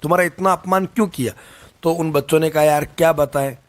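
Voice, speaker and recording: A man teaching English vocabulary in a folksy way, repeating key phrases and slowing down to stress words. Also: fairly high pitch. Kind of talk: explanatory lesson with memory tricks.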